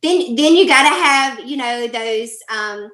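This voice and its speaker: A woman's voice: fairly high pitch, expressive, measured pace, fairly bright tone. A middle-aged woman from Alabama with a Southern US accent, chatting casually and giving folksy advice as an interview guest. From Alabama, United States. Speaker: interview guest, life coach. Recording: roomy, echoey sound.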